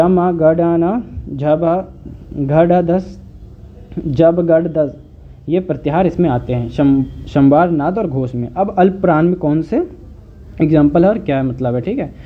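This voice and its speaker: A man tutoring online, explaining each term slowly and repeating it, often checking with "okay". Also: on the high side. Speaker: Sanskrit tutor. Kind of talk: online lecture. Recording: muffled phone-like audio with faint hiss.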